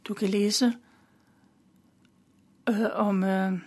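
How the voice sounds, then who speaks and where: A woman calmly retelling a Bible story in simple, plain words, with a few fillers. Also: medium pitch.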